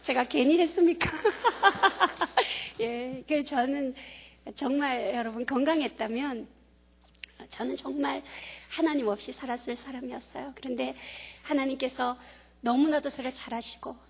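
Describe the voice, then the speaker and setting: A woman, a church deaconess, giving a testimony that moves from playful jokes to earnest, hushed faith talk. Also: high-pitched, unhurried, creaky, a little hiss or hum. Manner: playful, animated, turning soft and hushed. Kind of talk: humorous then earnest testimony. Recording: long church-hall reverb.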